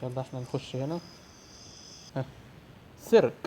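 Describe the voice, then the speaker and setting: Excitable Egyptian man narrating a horror game. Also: medium pitch, quick pace, slight background noise. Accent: Egyptian Arabic. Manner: excitable, shouts and swears when scared. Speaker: gamer.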